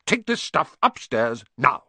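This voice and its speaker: A bullying, short-tempered middle-aged uncle from a storybook as a man acts him out. He barks, sneers and splutters, with pitch that swings hugely. The sound is close and dry. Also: wildly swooping pitch, a little slow, pushed and bright, husky, no echo, heavily acted. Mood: angry, barking.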